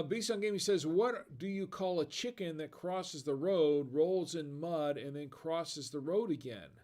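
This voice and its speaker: Slightly high and somewhat dark in tone, this American man's voice carries a casual live stream. He reads out what viewers type in the chat and laughs along at the groan-worthy bar jokes he tells.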